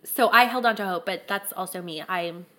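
A young woman co-hosting a podcast, chatting about a book and explaining it patiently, going soft and low when she muses. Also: moderate pace. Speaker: podcast co-host. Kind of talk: casual book chat.

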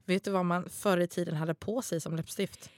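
A woman with a Stockholm accent co-hosts a podcast in a slightly low voice. She chats informally and playfully, in a babbling way. The recording is close and dry. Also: fairly even intonation, a little mellow, no echo. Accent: Stockholm Swedish. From Småland, Sweden. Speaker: podcast co-host. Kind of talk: casual podcast chat.

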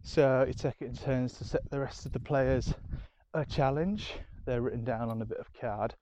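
At home, a diary podcast host with a Yorkshire accent rambles casually through his weekend, full of ums and self-deprecating remarks. His voice is medium-pitched and moderately paced, with a noisy background.

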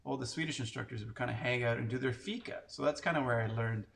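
A man's voice: medium pitch, fast, vocal fry, a bit bright. A man in his forties from Canada, chatting casually and telling stories with lots of fillers and restarts. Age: 40s. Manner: rambling, filler-heavy storytelling. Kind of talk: casual chat.

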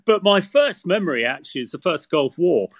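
A man's voice: high-pitched, big pitch swings, brisk, no room sound, studio quality. A middle-aged British man giving expert recollections in a podcast interview, speaking outdoors from a freezing rooftop. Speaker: guest military expert, former tank commander. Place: outdoors on a garage roof in snow.

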